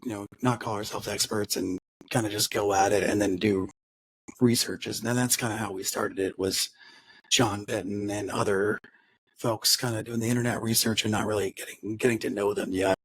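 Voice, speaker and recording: A man's voice: lowish voice, steady tone, normal speed, husky, no room sound, low-quality recording. A man co-hosting a car podcast, chatting casually and rambling, with frequent restarts and acted-out quotes. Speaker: podcast co-host. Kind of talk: casual chat.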